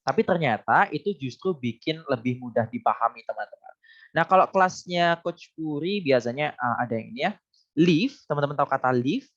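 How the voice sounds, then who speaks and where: A woman's voice: sits low, expressive, brisk, no room sound, highs cut off. A woman with an Indonesian accent teaching an online English lesson, patient and encouraging, switching between Indonesian and English. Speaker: English coach.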